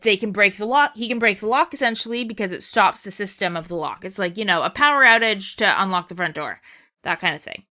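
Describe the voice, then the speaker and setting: A woman's voice: medium pitch, lively intonation, fast, bright, forceful tone. A woman co-hosting a casual chat, explaining a video game's story in a rambling way. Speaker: podcast co-host.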